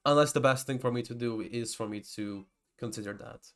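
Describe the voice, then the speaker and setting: A young man who speaks Georgian natively gives a casual, rambling lecture on typology, full of restarts and digressions. His voice is medium-pitched, fairly quick and fairly bright in tone.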